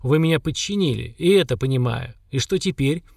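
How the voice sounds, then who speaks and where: A man voicing an ancient, simple-minded lake monster, speaking in slow, blunt, flat statements. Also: medium pitch, creaky, breathy edge, no room sound, studio quality. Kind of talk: audiobook character voice.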